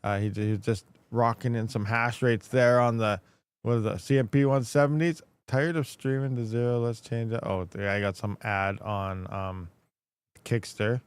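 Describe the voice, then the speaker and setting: A man hosting a casual, rambling live stream, speaking with slightly slurred, toothless diction and soft S sounds from a swollen mouth after having teeth pulled. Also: medium pitch, steady tone, moderate pace, clean tone, no room sound. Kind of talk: casual rambling livestream chat.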